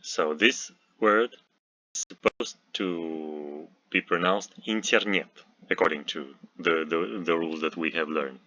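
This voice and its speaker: A man with a Russian accent teaching a language lesson, talking slowly and deliberately with many "uh" pauses and repeated example words. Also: a bass voice, sharp tone, no echo, muffled recording.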